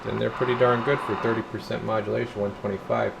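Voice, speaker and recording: Working at the bench in an indoor radio repair workshop, a technician talks through a test video in an informal, folksy manner, occasionally muttering to himself. He speaks quickly in a low, level, creaky voice. The sound is lo-fi, with heavy background noise.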